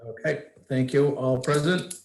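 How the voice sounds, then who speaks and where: A man chairing a board meeting in a formal, measured, procedural way. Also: medium pitch, fairly even intonation, darkish tone. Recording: echoey room sound.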